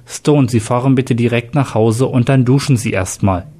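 A man's voice: medium pitch, normal speed, dark tone, close to an everyday voice. A man voicing a stern middle-aged male police chief in a read-aloud crime story, giving clipped, commanding orders.

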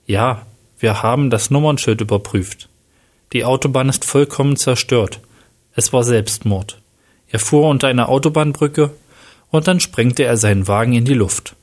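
A man's voice: mid-range voice, normal speed, natural voice. A man reading the lines of a shaken police officer on the phone in a story.

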